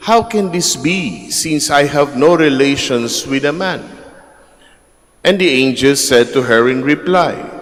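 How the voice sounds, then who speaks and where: A man, a priest reading the gospel at Mass in a slow, measured way, his voice carried by a cathedral echo. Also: fairly high pitch. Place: large church. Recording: long church reverb from the PA.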